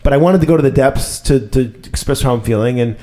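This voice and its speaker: A man in his thirties, a podcast host chatting casually and telling stories in a rambling, animated way with lots of fillers. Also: mid-range voice, quick pace. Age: 30s.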